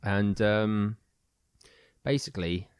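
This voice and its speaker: A man's voice: lowish voice, slow pace, clear, resonant tone, no echo, clean studio sound. A young man co-hosting a podcast, drunk, telling stories with lots of hesitation. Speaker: podcast co-host. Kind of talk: drunk casual storytelling.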